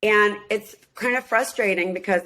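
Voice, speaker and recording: A woman in her fifties, originally from Minneapolis, is a singer and reality show cast member chatting casually as an interview guest. She laughs often and acts out quotes in a medium-pitched, pushed, bright voice at normal speed, and the audio quality is poor.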